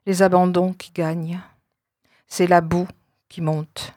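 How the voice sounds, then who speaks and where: A woman giving a spoken-word poetry recitation, with a deliberate, incantatory delivery in fragmented phrases. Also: lowish voice, level tone, mellow, no room sound, clean studio sound. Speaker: poet.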